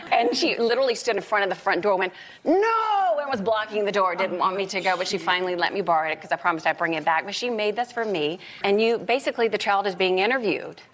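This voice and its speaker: A woman, a mother and talk-show guest, chatting about her daughter in an animated, gushing way. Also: mid-range voice, quick pace, hardly any pauses. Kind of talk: casual chat.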